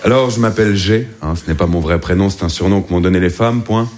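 A man's voice: low voice, fast. A male stand-up comedian delivering crude, boastful and self-mocking one-liners. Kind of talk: stand-up routine. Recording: loud background noise, live show.

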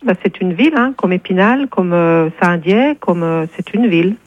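A woman's voice: on the low side, moderate pace. A woman working a town hall switchboard, answering a call with blunt, matter-of-fact replies, heard over a phone line. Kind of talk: phone call, prank call target.

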